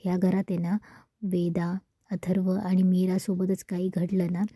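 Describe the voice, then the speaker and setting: A woman's voice: fairly low pitch, little pitch movement, measured pace, warm tone, no echo, studio quality. A woman reading the lines of a resentful adult son complaining to his family. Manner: complaining, plainly read.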